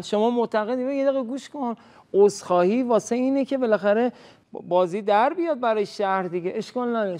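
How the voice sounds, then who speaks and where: A woman's voice: fairly high pitch, a little mellow. A nervous woman player defending herself in a mafia game, pleading and apologizing as she rambles. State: nervous, shaking.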